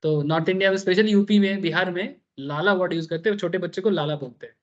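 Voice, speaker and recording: A man's voice: sits high, fast talker, lo-fi sound. A man giving a chatty, wandering classroom lecture on tax and often checking in with his students. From Bengal, India. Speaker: tax teacher.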